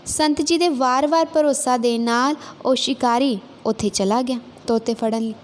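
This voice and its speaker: A woman with a high, light voice narrating a moral tale, steady and clear with some emphasis. Her telling has the measured rhythm of a devotional storyteller.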